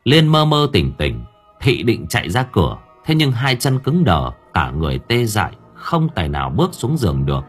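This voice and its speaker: A man with a husky, fairly low voice narrates a story. His pitch rises and falls in an animated storytelling manner. Faint music plays underneath. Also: normal speed. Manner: expressive, lively storytelling. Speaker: audiobook narrator.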